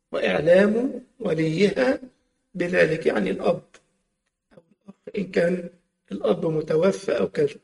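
A man's voice: high voice, creaky, darkish tone. Egyptian man teaching in an echoey hall. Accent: Egyptian Arabic. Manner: explains step by step, repeats key phrases, mixes colloquial asides. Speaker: religious teacher. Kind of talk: Islamic jurisprudence lesson. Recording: echoey hall with long reverb.

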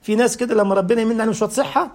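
A man's voice: very high-pitched, very fast, darkish tone. A man with an Egyptian Arabic accent, giving a humorous religious talk as a preacher and laughing through his jokey anecdotes.

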